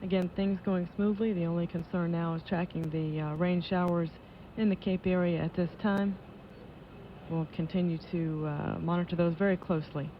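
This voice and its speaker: A woman giving live launch control commentary as an official announcer, in a measured, matter-of-fact way. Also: lowish voice, fairly even intonation. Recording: dull lo-fi broadcast audio with noise.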